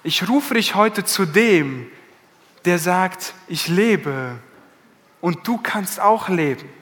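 Male pastor, sermon, slowed emphatic delivery, echoing church hall. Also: sits high, animated, a bit bright. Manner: dramatic preaching, slows down for emphasis. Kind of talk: Easter sermon.

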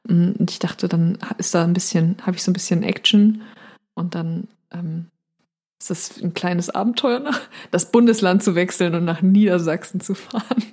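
A woman co-hosting a casual podcast, musing hesitantly with many pauses. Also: fairly low pitch, darkish tone, breathy edge. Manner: hesitant, many fillers, reflective. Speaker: podcast co-host. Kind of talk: casual chat.

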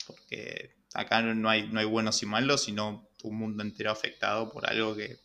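Brief: hesitant Rioplatense male co-host, low gravelly voice with a bright edge. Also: flat delivery, normal speed. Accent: Rioplatense Spanish. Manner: hesitant, repeats words, restarts. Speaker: podcast co-host. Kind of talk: casual chat recapping a TV series.

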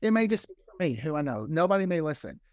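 A fast-talking man with a slightly high voice is a guest on an interview, where he casually tells stories about creating audio dramas and animatedly acts out the things people said. It's recorded in studio quality without echo.

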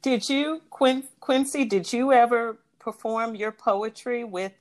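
A woman's voice: fairly high pitch, takes it slowly. Woman interviewer asking questions. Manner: attentive, frequent backchannel responses.

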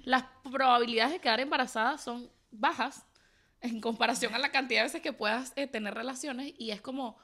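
A woman hosts a podcast in casual conversation, chatty and supportive as she reflects on what her guest says. Her voice is bright and a bit high. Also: a little fast. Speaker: podcast host. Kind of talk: casual interview chat.

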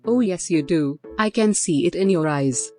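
A woman's voice: lowish voice, lively intonation, moderate pace, darkish tone, faint music behind, close to an everyday voice. A woman voicing a sassy, foul-mouthed female robot assistant in a comedy skit, blunt and mocking. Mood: smug.

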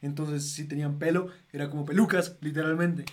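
A man's voice: on the high side, fairly even intonation, fairly quick. A man hosting a casual podcast chat, joking and rambling loosely.

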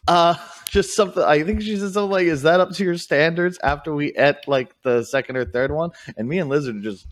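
A man's voice: on the high side, fast talker. Man, podcast co-host, easygoing, storytelling, casual chat. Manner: laid-back storyteller, chuckles, mimics others.

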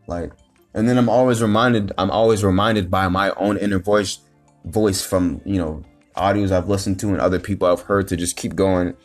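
A motivational vlogger with a fairly low, steady voice delivers an unscripted rant at a moderate pace, with faint music behind him. He swears constantly, rambles and circles back over the same points, restarting sentences and pushing into loud, frustrated bursts of emphasis.

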